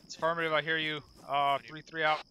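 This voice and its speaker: Sharp, forceful higher-pitched male squad leader. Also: little pitch movement, quick pace, a little hiss or hum, rough recording. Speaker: squad leader in field training. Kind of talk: military orders and radio calls. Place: outdoors in a field exercise.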